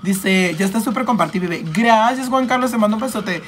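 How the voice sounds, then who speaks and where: A man's voice: sits high, a little fast, a bit bright, slight background noise. Camp Mexican man with a cold. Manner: camp, flamboyant and gossipy, playful swearing. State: coming down with a cold, clearing throat. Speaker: makeup livestreamer. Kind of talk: casual live chat, reading comments aloud.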